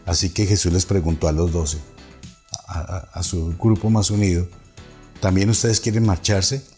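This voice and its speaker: Deep-voiced pastor reading scripture. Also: male voice, fairly even intonation, normal speed, darkish tone, soft background music. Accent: Colombian Spanish. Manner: reads Bible passages aloud with rising emphasis on quoted calls, restarts words. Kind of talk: sermon reading and explaining scripture.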